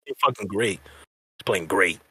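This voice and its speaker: A man's voice: sits low, expressive, a little slow, pushed and bright, husky, dry recording, rough recording. A man trading casual sports banter in a teasing, slangy way.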